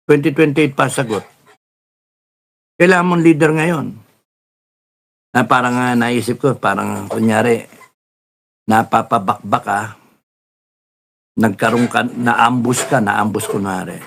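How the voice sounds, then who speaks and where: Guy ranting about politics, gravelly husky voice, slow, cusses a lot. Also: mid-range voice, fairly even intonation. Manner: swears often, laughs at his own jokes, acts out soldiers' shouts. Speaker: political commentator.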